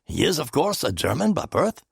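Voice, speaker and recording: A man's voice: a little high, wildly swooping pitch, moderate pace, vocal fry, breathy edge, dry recording, clean studio sound, voice pushed up, full character voice. A man voicing a shrewd, placid older Belgian male detective who speaks precisely and drops French phrases, in an audiobook. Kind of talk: audiobook character voice.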